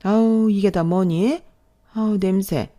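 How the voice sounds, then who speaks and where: A woman voicing a rich, sharp-tongued older mother-in-law in a haughty, scornful manner, read as storybook dialogue. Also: medium pitch, fairly even intonation, slow, lightly acted. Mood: amused, mocking.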